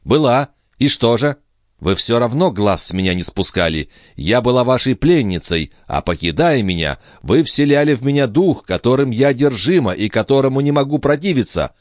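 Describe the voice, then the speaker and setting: A man voicing a desperate, defiant young woman held captive, crying out and pleading in high, strained outbursts. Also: very animated, moderate pace, dry recording, studio quality, close to an everyday voice. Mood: furious. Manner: sobbing, pleading, shrill outbursts.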